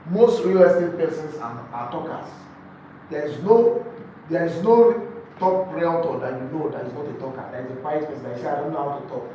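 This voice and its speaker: This real estate sales trainer, a Nigerian-accented man, talks fairly quickly in a warm, lively voice on the high side while lecturing a group live. Emphasis, repeated key phrases and rhetorical questions mark his delivery. The audio has its highs cut off, with echo from the room, a distant mic and faint noise.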